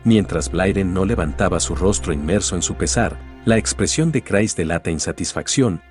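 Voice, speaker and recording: Male storyteller, deep voice, dramatic measured fantasy narration over quiet music.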